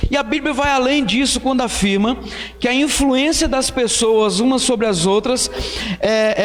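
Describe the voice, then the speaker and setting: A man's voice: very high voice, big-room sound. A man preaching a Bible study in a conversational way, with fillers and rhetorical questions to the congregation. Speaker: pastor. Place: church.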